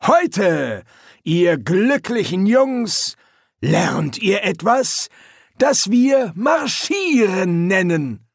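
A man voicing a gruff male drill sergeant who barks commands at recruits, in an audiobook. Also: on the high side, very animated, a little slow, no echo, clean studio sound, pitched above the performer's own voice. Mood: barking. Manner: barking, commanding.

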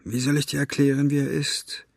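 Man voicing a scarred wary stranger, hushed and low, insinuating, dry close storybook sound. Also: level tone, fairly quick, creaky, dry recording. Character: scarred wary grown man, secretive and sinister.

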